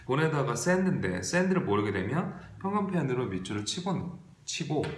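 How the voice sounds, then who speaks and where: A male English teacher giving an online video lesson, reading verb forms aloud in drills and asking and answering his own questions. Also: medium pitch. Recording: roomy echo.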